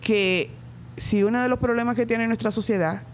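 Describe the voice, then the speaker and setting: A middle-aged woman from the Dominican Republic with a Dominican Spanish accent, a school director answering interview questions in a reflective way, with many pauses and hesitations. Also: on the high side, fairly even intonation, a little hiss or hum.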